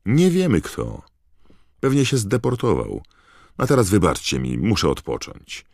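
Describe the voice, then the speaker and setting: A man voicing a tired, impatient middle-aged father who speaks briskly and curtly, in an audiobook. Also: a bass voice, dry recording, clean studio sound. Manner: brisk, clipped.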